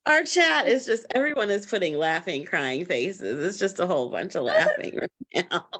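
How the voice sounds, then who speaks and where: A woman's voice: fairly low pitch, very animated, normal speed, fairly bright tone. A woman co-hosting a book club on a video call, reading out comments and laughing along. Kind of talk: casual chat on a video call.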